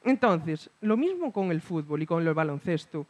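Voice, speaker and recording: A man's voice: a little high, sing-song, normal speed, darkish tone. A man giving a reflective conference talk, often checking in with his listeners with a questioning hum. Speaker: speaker at a talk.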